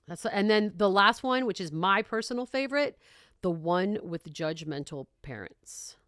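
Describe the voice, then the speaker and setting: A woman's voice: medium pitch, animated, normal speed, fairly bright tone. Lady podcast host just chatting, wry n self-deprecating, very dry recording no echo. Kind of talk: casual chat.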